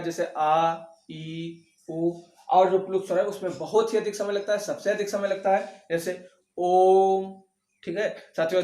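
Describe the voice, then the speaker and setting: Picked up by a distant mic in an echoey room, a man with a fairly high, somewhat mellow voice runs a grammar class for exam preparation. He answers his own questions and frequently tosses in "okay" to check understanding.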